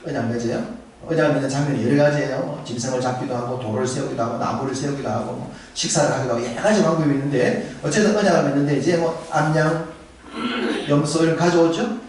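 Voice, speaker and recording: A man preaching a Sunday sermon as pastor, animated and asking the congregation questions. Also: fairly high pitch, fast, a little hiss or hum. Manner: animated, acts out voices of biblical figures and asks the congregation questions. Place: church sanctuary. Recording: echoey church hall, voice from a distance.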